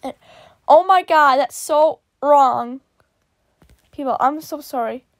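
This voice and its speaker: Excitable high-voiced woman gasping at fan art. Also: slow, dry recording. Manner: excitable, gasping, giggly, exclaims often. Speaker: vlogger reacting to fan art. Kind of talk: casual reaction commentary.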